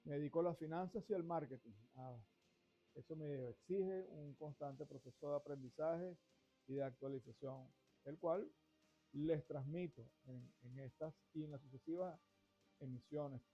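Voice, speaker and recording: A man's voice: on the high side, normal speed, warm tone. A middle-aged man from Venezuela hosting a finance show, talking at length in a discursive way that restarts phrases. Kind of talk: monologue to camera. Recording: dull lo-fi sound with faint music.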